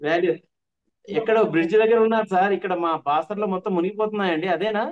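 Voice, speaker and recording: A man's voice: sits high, rapid-fire, phone-quality sound. A man teaching an online workshop, repeating his points with emphasis. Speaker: trainer.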